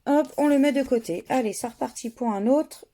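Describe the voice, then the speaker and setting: A woman giving slow, methodical running commentary as she scratches lottery tickets, spelling out letters one by one. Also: high voice, dark tone.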